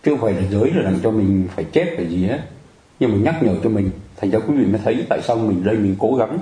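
A man's voice: on the low side, lively intonation, fast talker, dark tone, roomy sound, rough recording. A man giving a Buddhist sermon in a chatty way, often turning to the audience and joking. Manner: conversational, addresses the audience often, jokes and laughs. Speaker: Buddhist preacher. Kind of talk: dharma talk sermon.

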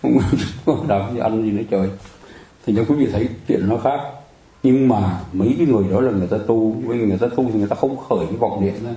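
A man's voice: lowish voice, quick pace, mellow, echoey room, low-quality recording. A man giving a Buddhist sermon in a chatty way, often turning to the audience and joking. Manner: conversational, addresses the audience often, jokes and laughs. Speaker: Buddhist preacher. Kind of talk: dharma talk sermon.

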